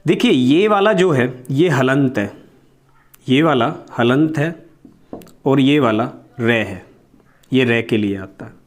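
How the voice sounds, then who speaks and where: A man's voice: mid-range voice, lively intonation, takes it slowly, long pauses. A man teaching a grammar lesson, explaining step by step, repeating key words and asking questions that he answers himself. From India.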